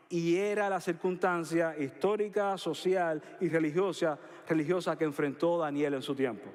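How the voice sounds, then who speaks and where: Cuban man preaching, high voice, emphatic, leans on key words, reverberant hall. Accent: Cuban Spanish. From Cuba. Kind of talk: sermon.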